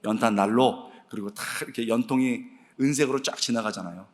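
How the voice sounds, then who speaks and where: A middle-aged male preacher tells a story from the pulpit, his slightly high voice leaping up and down as he calls out to the congregation. His words ring through a large church with a long, lingering reverb. The delivery is lively and exclamatory throughout. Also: normal speed. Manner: animated, exclamatory storytelling that addresses the congregation directly. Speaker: guest preacher and preaching professor. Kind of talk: storytelling sermon.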